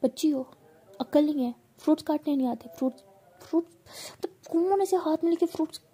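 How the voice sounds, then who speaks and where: A woman voicing a fussy young college woman who scolds loudly and in a rush, exasperated. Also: sits high, steady tone, quick pace, pitched above the performer's own voice, close to an everyday voice. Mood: scolding.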